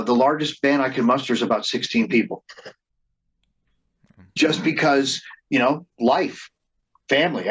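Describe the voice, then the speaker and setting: A man with a medium-pitched, slightly rough voice, captured on a muffled recording. He leads a band and does reenactment, and in this casual interview he tells stories, often restarting and repeating words as he goes.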